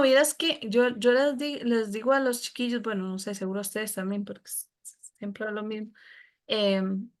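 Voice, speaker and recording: A woman's voice: on the high side, a bit bright. A woman teacher with a Costa Rican Spanish accent, explaining a lesson patiently to her students. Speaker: English teacher.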